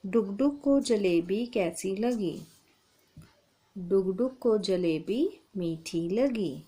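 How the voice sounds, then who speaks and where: A woman's voice: mid-range voice, lively intonation, drawn-out words, mellow, husky. A woman teaching a children's Hindi lesson, patiently spelling out sounds and words one at a time.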